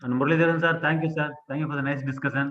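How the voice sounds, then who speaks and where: A man, a senior doctor giving slow, repetitive feedback in an online class, heard over a phone on speakerphone. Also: fairly high pitch, fairly even intonation. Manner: slow, repetitive, polite phrasing. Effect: heard through a phone on speakerphone. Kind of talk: unscripted teaching remarks. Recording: tinny, echoey phone line with faint hiss and clicks.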